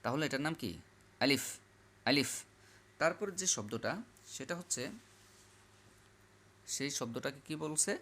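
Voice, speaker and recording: A man teaching Quran reading, patiently repeating each letter aloud in a slow classroom style. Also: mid-range voice, lively intonation, a bit bright, slight background noise. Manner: repetitive, drills letters aloud.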